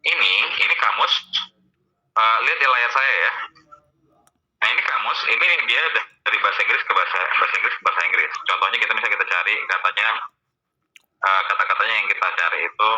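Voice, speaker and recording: A university lecturer gives a casual online lecture with screen sharing, chatting to students with lots of fillers over dull, lo-fi call audio. His voice is on the low side, pushed and bright, fast but with long pauses.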